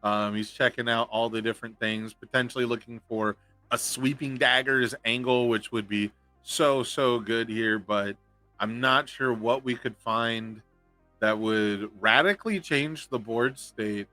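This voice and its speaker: A man giving live, analytical commentary on a card game tournament, thinking through each possible play out loud. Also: mid-range voice, unhurried, no room sound, faint music behind.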